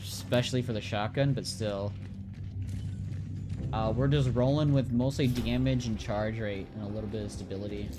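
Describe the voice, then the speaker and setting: A man casually commenting on his own gameplay, talking to himself in a relaxed, offhand way as he plays a horror game. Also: lowish voice, normal speed, over music. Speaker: let's play gamer.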